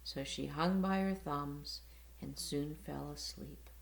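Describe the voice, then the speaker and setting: A woman reading a picture book aloud to children, with a slow, expressive storytelling manner. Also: low voice, gravelly. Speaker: school board director reading to children. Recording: roomy echo.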